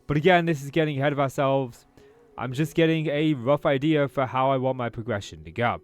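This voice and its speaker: Here a British YouTuber gives relaxed, think-aloud commentary while playing a strategy game, his voice not quite right after a throat infection. He speaks briskly at a medium pitch, and faint music plays behind him.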